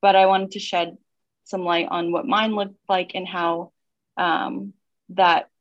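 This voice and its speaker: A young woman from Missouri speaks slowly in a fairly low voice, captured in lo-fi sound without echo. As a guest in a casual interview, she reflects on her life in a relaxed way, often saying "um" and "like."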